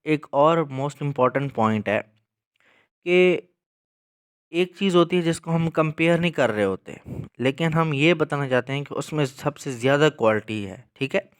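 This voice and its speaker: A man gives a patient grammar lesson in a dry, close-sounding recording. He keeps checking that the listener is following and slows down to spell out each example word by word. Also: fairly high pitch, clear, resonant tone, no room sound. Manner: patient, repeats 'theek hai' to check understanding. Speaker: English grammar teacher. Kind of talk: explanatory lesson.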